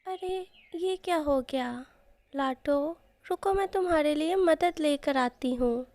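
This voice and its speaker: A woman's voice: high-pitched, takes it slowly, a little mellow, no echo. A woman voicing a curious, chatty female pigeon in a cartoon story.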